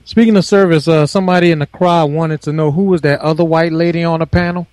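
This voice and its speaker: A co-host on an internet radio show, joking around and cutting in with quick remarks. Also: medium pitch, steady tone, darkish tone, dry recording. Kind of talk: casual radio panel chat.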